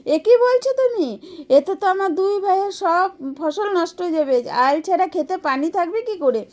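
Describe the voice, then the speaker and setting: A woman's voice: sits high, animated, normal speed, darkish tone. A woman doing a jumpy poor farmer husband. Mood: alarmed. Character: poor farmer husband, timid then gleeful.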